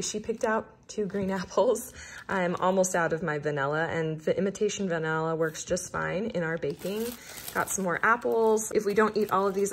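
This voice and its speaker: A woman's voice: on the low side, a little hiss or hum. A young woman giving a chatty, upbeat voice-over for a home vlog, saying "like" a lot. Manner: chatty, upbeat, says "like" often. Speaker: home vlogger. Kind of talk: casual voice-over narration.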